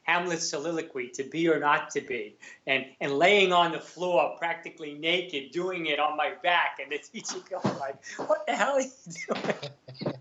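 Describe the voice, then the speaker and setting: Middle-aged brooklyn guy swapping stories, slightly high voice, roomy kinda dull audio. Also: normal speed, hardly any pauses, slight background noise. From Brooklyn, New York. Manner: colloquial, animated retelling with quoted dialogue. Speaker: podcast guest, actor and former police officer. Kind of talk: casual anecdotal storytelling.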